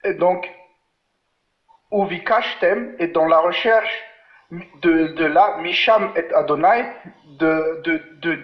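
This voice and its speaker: Slow, hesitant high-voiced man. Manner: slow, hesitant reading and translating. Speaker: student. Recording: echoey, dull video-call audio.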